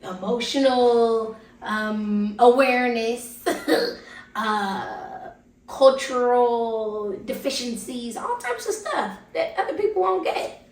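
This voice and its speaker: A young woman raised in the United States, co-hosting a podcast in a playful, animated way. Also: on the high side, takes it slowly. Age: young adult. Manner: animated, playful, laughing asides. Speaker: podcast co-host. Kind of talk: casual conversation. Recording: roomy sound from a distance.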